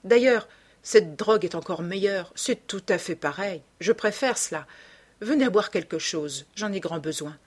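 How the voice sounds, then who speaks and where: Woman doing a proud, tormented young gentleman. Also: medium pitch, animated, moderate pace, natural voice. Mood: weary. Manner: weary, then shouting in anger.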